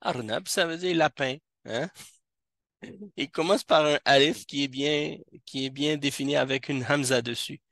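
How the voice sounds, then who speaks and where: A man teaching Arabic grammar to a class, explaining slowly with frequent hesitations. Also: medium pitch, fairly bright tone, dry recording, studio quality. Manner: slow, hesitant explaining with many fillers. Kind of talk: classroom lesson. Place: mosque classroom.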